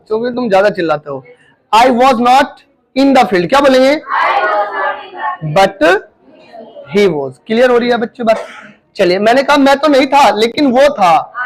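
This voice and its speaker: A man's voice: extremely high pitch, low-quality recording. A man with an Indian accent teaching an English class, calling out questions to his students and often raising his voice. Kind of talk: classroom lesson in Hindi and English.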